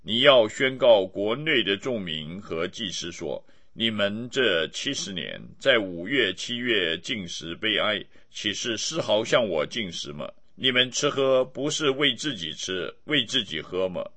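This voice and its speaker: A man giving a steady, measured scripted reading of scripture. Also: on the low side. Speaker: Bible reader.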